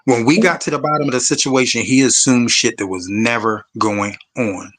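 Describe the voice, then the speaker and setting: A man's voice: medium pitch, normal speed, a bit bright. A man, telling a personal story on a discussion panel in an emphatic, profane, conversational way.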